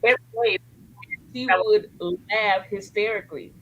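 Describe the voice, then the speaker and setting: A woman's voice: mid-range voice, a little slow, fairly bright tone, rough recording. A woman guest speaking candidly and emotionally about supporting family, earthy and joking in turns. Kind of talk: candid personal storytelling.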